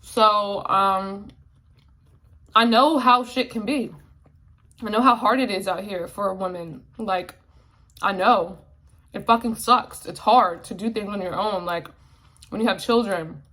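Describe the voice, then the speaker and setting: A woman's voice: medium pitch, a little slow, long pauses, pushed and bright. A woman in her twenties talking candidly in a casual vlog, with lots of fillers and swearing, emotional and near tears. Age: 20s. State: emotional, tearful at times. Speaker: vlogger.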